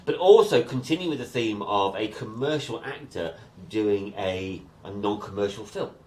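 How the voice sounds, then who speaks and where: A man's voice: on the low side, expressive, normal speed, a little mellow, echoey room. A man with a Scottish accent co-hosting a casual film podcast, talking enthusiastically and rambling through restarts. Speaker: podcast co-host. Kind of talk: casual chat about films.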